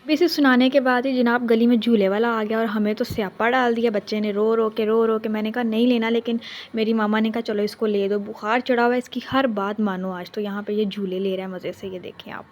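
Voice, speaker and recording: A woman's voice: a little high, fairly even intonation, brisk, a little mellow. A young woman narrating her day as a vlogger mother, in a chatty way that speaks straight to her viewers. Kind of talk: casual vlog narration.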